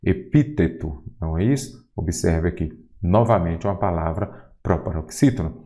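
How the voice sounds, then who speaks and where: A middle-aged Brazilian man with a fairly low voice teaches grammar by going through exam questions. He keeps asking rhetorical questions and then draws out each answer slowly. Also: animated, warm tone. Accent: Brazilian Portuguese. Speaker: Portuguese teacher.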